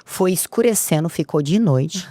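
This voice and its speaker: A woman's voice: expressive, normal speed, mellow, dry recording. A woman, a podcast guest telling a personal story and acting out the dialogue. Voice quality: low voice. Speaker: interview guest.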